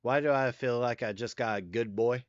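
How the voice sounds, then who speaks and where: A man's voice: mid-range voice, normal speed, smooth, dry recording, dull audio. A man with a mountain North Carolina accent, chatting casually with viewers on a livestream and thanking them by name. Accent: Southern US, North Carolina mountains.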